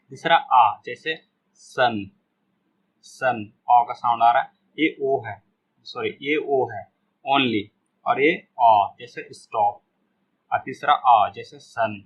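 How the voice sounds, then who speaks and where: Slow, patient man teaching English sounds. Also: mid-range voice, a bit bright, dull audio, a little hiss or hum. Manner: slow, repeats each example word several times. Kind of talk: spoken English lesson for beginners.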